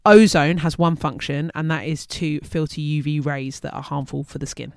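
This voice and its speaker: A woman's voice: low voice, steady tone, no echo, clean studio sound. A woman giving a casual spoken lesson to her husband, rattling off lists with "um"s and quizzing him as she goes. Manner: brisk, listing points with many "um"s and quizzing questions. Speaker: teacher explaining to her husband. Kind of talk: casual revision podcast lesson.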